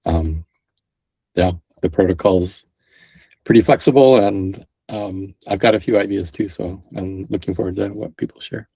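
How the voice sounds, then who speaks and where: Low gravelly guy on a video call, husky, lots of ums. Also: moderate pace, warm tone, no echo, rough recording. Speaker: community participant. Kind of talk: casual online meeting chat.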